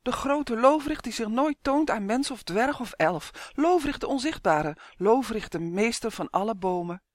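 A bouncy, high-pitched little male elf who gushes and fawns over everyone, as a man puts him on for a storybook. His lines lift well above the reader's own pitch, crisp and close in a dry booth. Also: lively intonation, normal speed, dry recording. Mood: gushing. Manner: gushing, fawning. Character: small excitable male elf, eager and flattering.

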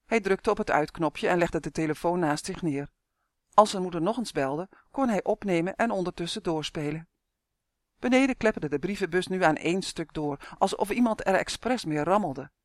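A calm audiobook narrator reads a children's story at a steady, measured pace. The voice sits mid-range, and the recording is dry and close with no room sound. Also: mid-range voice, no room sound. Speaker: audiobook reader. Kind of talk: scripted narration.

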